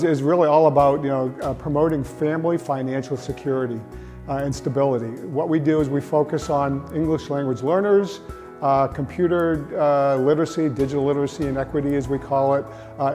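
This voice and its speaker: Halting man with a mellow voice. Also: a little high, in a large hall. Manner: halting, many fillers. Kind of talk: interview.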